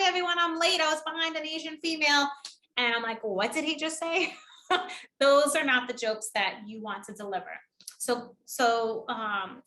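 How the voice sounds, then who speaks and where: A woman from New England teaching public speaking in a training webinar, lively and demonstrative, often checking in with "right?" and "okay?". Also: fairly high pitch. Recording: echoey room.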